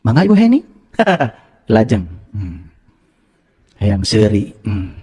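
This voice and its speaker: A man's voice: on the low side, wildly swooping pitch, takes it slowly, a little mellow, slightly rough. A man giving an interactive religious lecture, teasing and quizzing his audience. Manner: playful, quizzes and teases the audience, switches into local phrases. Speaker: religious teacher.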